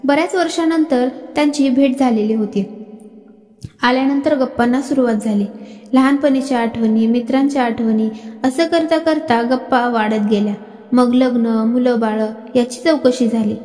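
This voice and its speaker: A woman narrating a story in a calm, steady manner. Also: a little high, moderate pace, faint music behind. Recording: echoey reverberant room.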